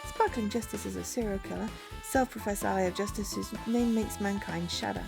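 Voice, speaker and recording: A woman's voice: mid-range voice, steady tone, brisk, vocal fry. A woman reading game dialogue aloud and adding casual commentary during a playthrough. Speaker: gamer playing a visual novel. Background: game music.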